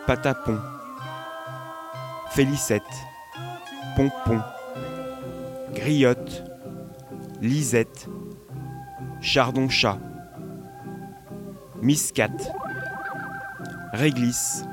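A man reciting rhythmic spoken-word poetry in clipped, short bursts of wordplay. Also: mid-range voice.

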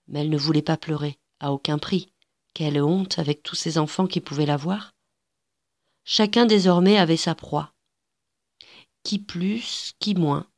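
A woman reading a story aloud with a measured, gentle narration. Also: lowish voice.

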